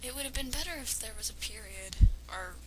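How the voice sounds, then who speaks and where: A woman with a voice on the high side reads a fan fiction story aloud at a brisk pace, interrupting with mocking, nitpicking, sarcastic commentary that turns hesitant in the asides. She's an amateur reader and commentator, and the home recording is clearly noisy.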